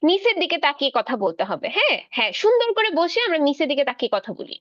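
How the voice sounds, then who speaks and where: A woman teaching a spoken English class to children over a video call, patient and coaxing, mixing Bengali with slow, careful English. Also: very high voice, very animated, no room sound, lo-fi sound.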